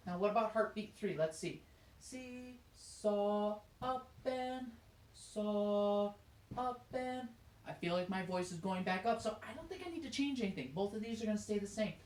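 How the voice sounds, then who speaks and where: Woman music teacher of middle pitch, patient and encouraging, recorded in a roomy space. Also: expressive, fast, few pauses, a little mellow. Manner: encouraging, explains step by step, sings short demonstrations. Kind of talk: recorded music lesson for children. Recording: echoey room.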